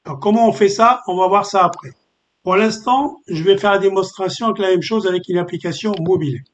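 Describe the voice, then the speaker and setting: A man with a slightly raised voice gives a screen-recorded coding tutorial. He explains at an easy pace with many hesitant filler pauses. The sound is dull and lo-fi, with a faint hiss underneath. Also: high voice. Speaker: software tutorial presenter.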